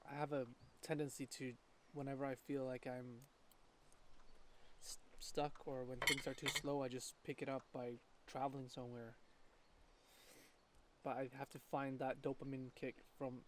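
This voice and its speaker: Reflective man, halting speech. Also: mid-range voice, slight background noise. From Sweden. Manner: reflective, hesitant, halting restarts. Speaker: vlogger. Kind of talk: casual chat. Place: countryside home, birds around.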